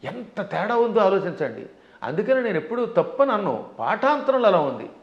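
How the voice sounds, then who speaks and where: A man speaks as a learned scholar in a devotional interview, pressing his points with emphasis and slipping into slow mantra chanting. His voice sits high, and the recording is dull and roomy. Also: sing-song. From South India. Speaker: Vedic scholar guest. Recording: dull sound in an echoey room.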